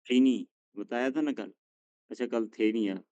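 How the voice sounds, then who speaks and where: A man leads a classroom drill, patient and encouraging, correcting students gently. His voice sits at a middling pitch. The sound is dry and close, with no room echo. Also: moderate pace, lo-fi sound. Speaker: Arabic teacher.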